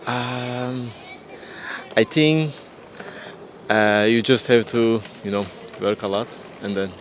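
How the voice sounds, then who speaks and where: A man from Turkey, a software engineer answering street questions in a relaxed way with many fillers. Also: mid-range voice, slow pace, slight background noise. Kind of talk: casual street interview answers.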